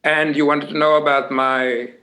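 An older man with a South African accent, recalling his past in a halting way with many pauses and fillers. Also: fairly high pitch, flat delivery, bright, forceful tone, low-quality recording. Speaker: guest. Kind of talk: conversational family interview.

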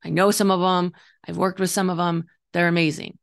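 A woman with a gravelly, slightly hoarse voice talking earnestly and reflectively as a coach hosting a solo podcast, explaining her views. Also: on the low side, little pitch movement, a little fast. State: voice partly gone, slightly hoarse. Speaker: intuitive coach and podcast host.

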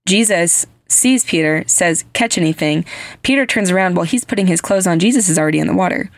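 Gravelly, chatty woman podcast host. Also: on the low side, fast, no echo. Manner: chatty, heavy use of "like" fillers; earnest, gushing storyteller. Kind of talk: casual chat.

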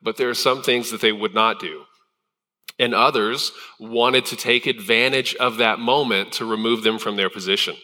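Pastor guy preaching, chatty with lots of uh's, super bright voice, echoey church. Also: medium pitch, fairly even intonation, normal speed. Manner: conversational, with fillers and restarts. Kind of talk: sermon. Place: church sanctuary. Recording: long church hall reverb.

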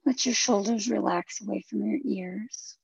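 A woman leading a guided relaxation in a soft, husky, breathy voice that nears a whisper, soothing and gently instructive. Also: mid-range voice, normal speed, no echo, poor audio. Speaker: guided meditation leader.

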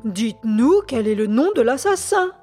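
A woman's voice: on the high side, very animated, moderate pace, darkish tone, soft background music. A woman voicing a stern male court president who questions in a formal, insistent way. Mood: questioning.

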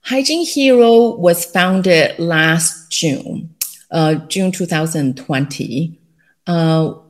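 Her low-pitched, gravelly voice carries a Taiwanese accent as this middle-aged company founder recounts her story in a casual interview, dropping in plenty of fillers and light laughter.

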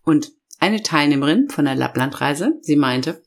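Deep, darkish and animated despite cold-induced hoarseness, a middle-aged woman hosts a warm, guided self-help podcast as an inner-child coach. Speaking directly to the listener, she lists feelings slowly and emphatically.

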